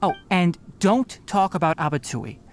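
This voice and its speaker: A man voicing a brisk, responsible young forest ranger in a fantasy video game, speaking in an articulate, matter-of-fact, instructive way. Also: high-pitched, lively intonation, soft background music. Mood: firm, concerned.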